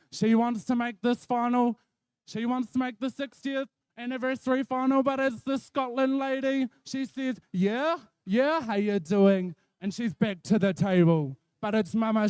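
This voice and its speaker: A man's voice: very high voice, a little mellow, smooth, dry recording, studio quality. A man with a Maori New Zealand accent giving colloquial live competition commentary, full of repeated catchphrases.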